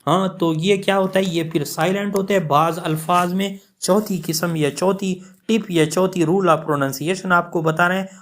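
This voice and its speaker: A man explaining English pronunciation rules in an online lecture, mixing with English and reading the English rules slowly, word by word. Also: sits high, fairly even intonation. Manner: explains in Urdu-Hindi, reads English rules slowly word by word, repeats "yani" often.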